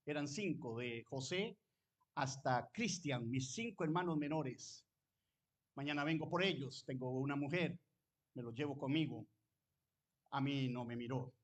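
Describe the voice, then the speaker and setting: A man preaching a sermon, fervent, switching between loud exclamations and quiet personal storytelling. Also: a little high. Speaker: pastor.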